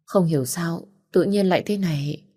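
A woman's voice: on the low side, normal speed, warm tone, breathy edge. A woman voicing an anxious young son who speaks in a pleading, emotional way in an audiobook. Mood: urgent. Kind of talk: audiobook character reading.

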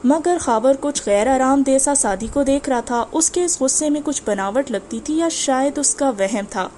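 A woman narrating a novel as an audiobook, reading in a dramatic, expressive way. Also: high voice, slight background noise.

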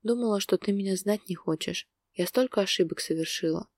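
A woman reading the lines of a tearful young woman in a hospital bed, quiet and hushed, in a storybook reading. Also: medium pitch, a little fast, no echo, clean studio sound, close to an everyday voice. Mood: fragile.

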